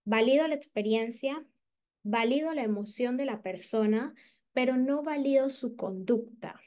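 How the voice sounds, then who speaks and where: A woman's voice: fairly high pitch, measured pace, warm tone. A woman psychologist giving a clinical lecture, explaining step by step and voicing patients' thoughts in first person, with frequent "eh" fillers. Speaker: clinical psychologist teaching a session.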